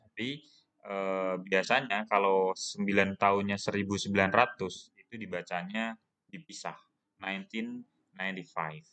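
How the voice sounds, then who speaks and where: Male teacher with Indonesian accent, lowish voice, patient self-answering explainer for a recorded class. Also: fairly bright tone. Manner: explains patiently, asks and answers his own questions. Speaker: English teacher. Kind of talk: recorded online class lesson.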